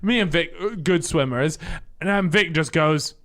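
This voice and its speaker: A man's voice: fairly high pitch, moderate pace, a bit bright. English man chiming in with banter. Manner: jumps in with banter and laughs. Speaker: podcast co-host. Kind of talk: casual chat.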